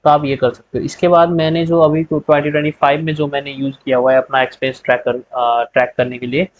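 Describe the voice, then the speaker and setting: A man walking viewers through a spreadsheet tutorial step by step in a relaxed way, often pausing to say "okay". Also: on the high side. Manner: relaxed step-by-step explaining, repeating "theek hai" often. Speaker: tutorial host. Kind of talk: screen-recorded software tutorial. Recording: slightly dull lo-fi sound.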